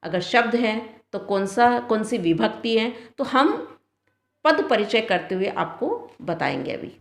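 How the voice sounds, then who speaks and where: Slow, patient woman teacher in echoey room. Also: on the high side, animated. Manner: asks questions and answers them herself; reads each line slowly, then explains it. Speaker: Sanskrit teacher. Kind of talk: classroom lesson explaining a text line by line.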